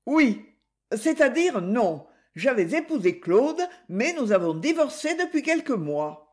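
A woman's voice: a little high, very animated, measured pace, a little mellow, voice pushed up. A woman voicing a distraught young ex-singer. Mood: explaining. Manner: pleading, emotional.

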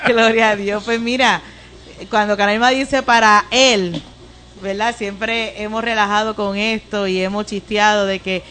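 A woman speaking as a guest on a church talk program. She talks in a casual, halting way and stumbles over fillers as she gathers her thoughts. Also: mid-range voice, steady tone, fairly bright tone, a little hiss or hum. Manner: hesitant, many fillers, laughs while praising.

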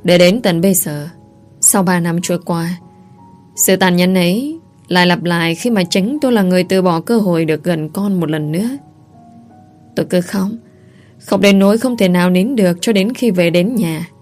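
A woman's voice: fairly low pitch, normal speed, darkish tone, faint music behind. A woman reading a first-person story aloud, earnest and heartfelt. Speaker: audiobook narrator.

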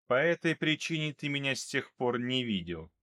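A man reading an audiobook, voicing a cold, calm male mercenary who speaks in a flat, unhurried way. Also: mid-range voice. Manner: flat, even, unhurried delivery.

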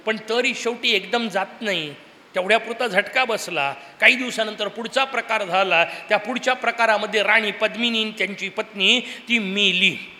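A man preaches a devotional discourse with a high, piercing brightness. He tells stories vividly and explains their meaning, and his words ring out in a long hall echo. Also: slight background noise. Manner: narrates vividly, explains scripture. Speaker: religious discourse speaker. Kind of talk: devotional sermon with storytelling. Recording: reverberant hall.

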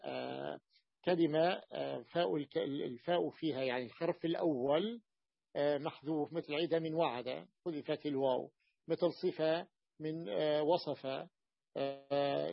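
Male grammar teacher, slightly higher voice, repeats himself and quizzes the class, dull lo-fi recording. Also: gravelly, slightly rough, no room sound. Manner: repeats terms, fillers, questions to class. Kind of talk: explaining a grammar text to students.

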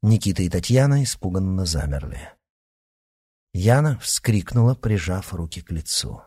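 Husky-voiced male audiobook narrator. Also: low voice, expressive, moderate pace, mellow, no echo, clean studio sound.

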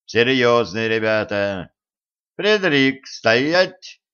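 A man's voice: medium pitch, big pitch swings, extremely slow, a bit bright, clear, resonant tone, highs cut off, heavily acted. A male narrator voicing a lazy, sardonic immortal sorcerer who speaks in curt, mocking drawls.

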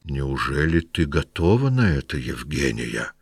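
A man's voice: very deep voice, sing-song, measured pace, creaky, husky, no room sound, studio quality, pitched below the performer's own voice, exaggerated voice. A man voicing a miserly, domineering old father who talks in a wheedling, mocking way in a raised voice. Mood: hesitant.

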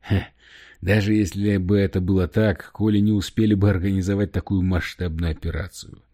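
A sardonic male operative who answers accusations with cool, cutting sarcasm, as a man reading the book puts him on. His voice sits low and dark, with a pointed, defiant edge. Audiobook character reading. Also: flat delivery, a little fast.

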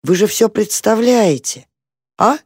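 A reader voicing a timid, kind little boy mouse who talks eagerly and gently in a storybook reading. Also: mid-range voice, expressive, slow, breathy edge, dry recording, clean studio sound, voice pushed up. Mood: earnest.

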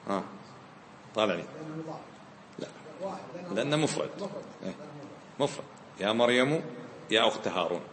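A man's voice: fairly low pitch, expressive, normal speed, long pauses, a bit bright, slight background noise. A man teaching a grammar lesson, questioning his students and mixing dialect into his explanations. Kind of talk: classroom lesson. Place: lecture room with students. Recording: roomy echo.

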